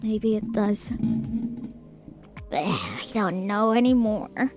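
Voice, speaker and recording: A woman voicing a blunt, teasing, weary young woman who flares up in loud outbursts. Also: mid-range voice, lively intonation, drawn-out words, over music. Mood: wistful.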